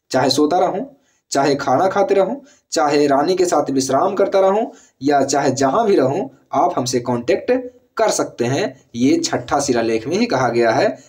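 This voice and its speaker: Sing-song man drilling exam tricks. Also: on the high side. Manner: repeats words in sing-song drills, checks in with the listener. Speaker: exam-prep teacher. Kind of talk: exam-prep lesson.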